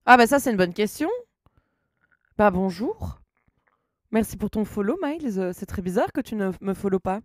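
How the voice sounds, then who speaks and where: A woman's voice: medium pitch, animated, normal speed, long pauses, dry recording, clean studio sound. A woman streaming live, chatting casually and reading her chat aloud, laughing often.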